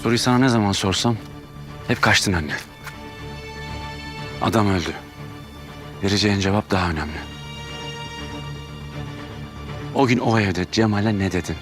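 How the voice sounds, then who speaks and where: An actor playing a younger brother and son who leads his family, intense and reproachful, his voice rising to shouts. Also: lowish voice, brisk, pauses often, lightly acted. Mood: pressing. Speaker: family leader in a TV drama. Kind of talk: TV drama acting. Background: dramatic music score.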